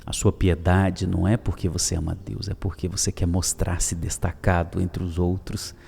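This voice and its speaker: A man giving a daily devotional sermon, emphatic and swinging from loud calls to soft whispers. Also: sits low, little pitch movement, moderate pace, creaky, slight background noise. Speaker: preacher.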